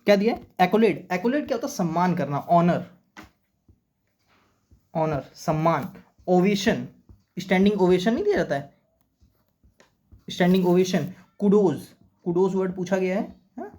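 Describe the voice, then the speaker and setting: A man with a high, lively voice teaches English for competitive exams at a moderate pace, pausing often, with a slightly mellow quality. In this vocabulary and grammar lesson he patiently explains words, spells some letter by letter, and keeps checking in with "okay".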